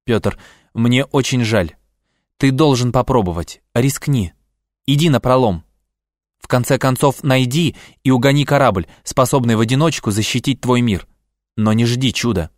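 A man voicing a weary, centuries-old man who speaks in a tired, gentle and measured way in an audiobook. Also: medium pitch, no echo, clean studio sound, natural voice. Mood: sorrowful. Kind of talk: audiobook character reading.

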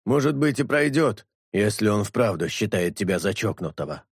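Male narrator doing a wary, gruff street tough with a grumbling, jumpy delivery; dry close mic. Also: fairly low pitch, very animated, normal speed, no echo, exaggerated voice.

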